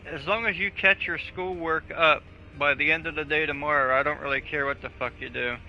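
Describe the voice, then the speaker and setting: In a laid-back livestream with a friend, a man plays a video game and talks fairly quickly in a slightly high, fairly even voice, joking and cursing freely. The dull-sounding recording carries game music and a faint hiss or hum.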